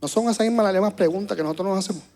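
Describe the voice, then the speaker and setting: A man preaching a sermon to a church congregation, moving between hushed and loud passages and often repeating words as he searches for them. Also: high-pitched, rapid-fire, soft background music. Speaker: pastor.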